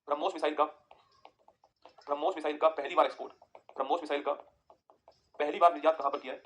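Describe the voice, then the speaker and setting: A man teaching a geography lesson over a map, talking quickly and repeating points for students to write down. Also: fairly high pitch, fairly bright tone, a little hiss or hum. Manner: rapid, repetitive, tells students to write points down.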